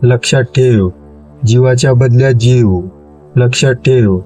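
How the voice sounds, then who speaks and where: A man's voice: medium pitch, measured pace, warm tone, faint music behind, natural voice. A man voicing a menacing male demon spirit in a spoken horror story, talking in a growling, cackling manner.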